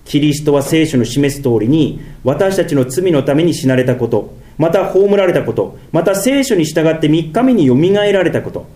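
A middle-aged man with a Tohoku accent preaching a sermon as pastor. He moves between drawn-out, lofty passages and quick, mumbled asides. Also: a little high, animated, mellow. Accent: Tohoku Japanese.

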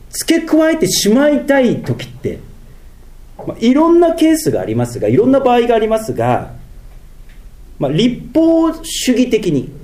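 A middle-aged man with a Tohoku accent preaching a sermon as pastor. He moves between drawn-out, lofty passages and quick, mumbled asides. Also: sits high, mellow. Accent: Tohoku Japanese.

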